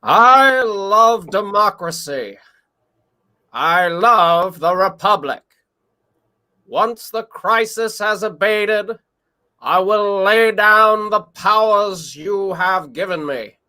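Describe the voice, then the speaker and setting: A man voicing an old president giving a grand speech, very slow and stately. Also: high-pitched, animated, bright, forceful tone, pitched above the performer's own voice, full character voice.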